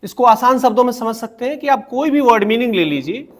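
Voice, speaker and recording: High-voiced man teaching pronunciation. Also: expressive. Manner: patient, explanatory, spells out words slowly. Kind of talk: classroom-style explanation.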